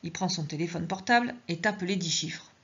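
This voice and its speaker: In the first person, a woman reads a suspense story she wrote, keeping her narration measured and tense. Her voice sits lowish with a fairly bright tone and a breathy edge, though the recording sounds dull and lo-fi.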